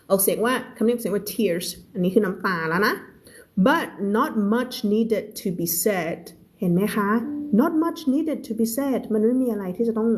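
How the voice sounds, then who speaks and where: A woman's voice: on the high side, a little mellow. A Thai-speaking woman teacher reading an English story aloud on a live stream, explaining words in Thai and greeting viewers. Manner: reads English slowly, then explains in Thai; greets viewers and thanks them for gifts mid-lesson.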